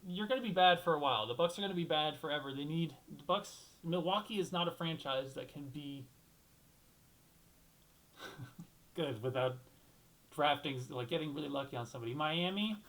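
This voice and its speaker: Young guy rambling solo about basketball, voice a bit high, cusses casually, keeps restarting his sentences. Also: normal speed, long pauses, fairly bright tone, poor audio. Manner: rambling, thinks aloud, restarts often; blunt, swears casually. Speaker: host of a solo basketball talk show.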